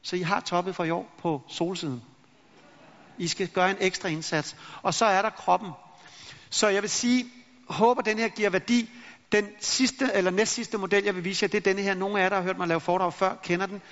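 Lively man giving a talk in a hall. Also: high-pitched. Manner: lively storyteller who acts out anecdotes. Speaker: motivational speaker. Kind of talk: motivational talk to an audience. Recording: long reverb in a hall, dull lo-fi sound.

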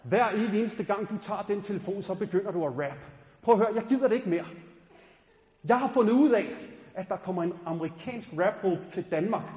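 A man's voice: high-pitched, expressive, a little mellow. A man voicing his impatient young male friend who keeps needling him. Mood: fed up. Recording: echoey hall, dull sound.

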